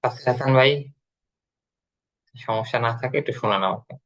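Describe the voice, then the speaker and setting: A man teaching an online English class, explaining slowly and repeating words as he goes. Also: medium pitch, steady tone, fairly bright tone, low-quality recording.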